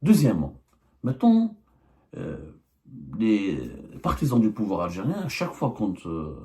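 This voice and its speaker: This Algerian man, a journalist and channel host, speaks at a measured pace in a fairly low, mellow voice whose pitch swoops wildly. His political monologue is emphatic, packed with rhetorical questions, and marked by hesitant fillers and restarts.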